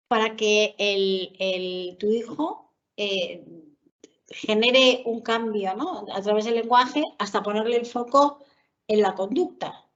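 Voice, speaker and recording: A woman with a Spain Spanish accent, a teacher and mother moderating a webinar, working her way through a question with restarts. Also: fairly high pitch. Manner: thinking aloud with restarts. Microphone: video call. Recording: dull video-call audio.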